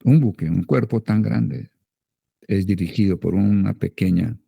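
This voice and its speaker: A Colombian man, a pastor, leading fervent prayer and chanting slow syllables in tongues. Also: lowish voice, vocal fry, dark tone, husky, no echo, studio quality. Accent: Colombian Spanish. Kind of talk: led prayer and speaking in tongues.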